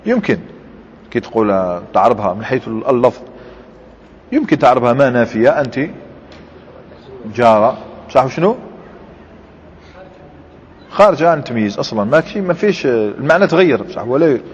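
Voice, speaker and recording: In a big, reverberant hall captured on dull, lo-fi audio, a grammar teacher speaks in a husky, medium-pitched voice with big pitch swings. He's brisk but takes long pauses, walking through points step by step, quizzing students, and blending dialect with formal Arabic.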